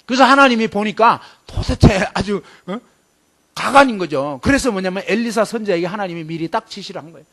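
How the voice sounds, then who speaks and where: A man with a strikingly high voice delivers a sermon to students. He talks emphatically, tossing question after question at his listeners. He brings scenes to life as he acts them out. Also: expressive, a little fast, fairly bright tone. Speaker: preacher at a student camp.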